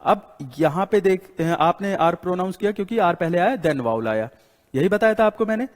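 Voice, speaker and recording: A man's voice: high voice, animated, normal speed. Indian man teaching in a hall. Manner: repeats rules, quizzes students with questions. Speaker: English teacher. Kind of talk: classroom lecture in Hindi. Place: classroom with a board. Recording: long hall reverb.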